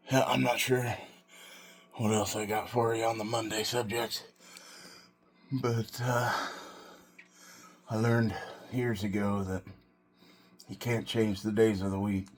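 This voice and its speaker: A man with a very low voice talks through a casual solo vlog. He takes his time, speaking slowly in short, broken phrases with a reflective, halting delivery. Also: little pitch movement. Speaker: vlogger and self-employed car restorer.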